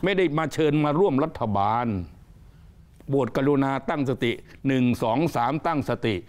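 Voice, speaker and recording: A man's voice: on the high side, normal speed, darkish tone. A politician being interviewed on a studio talk show, emphatic and joking, often repeating his words. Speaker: politician guest.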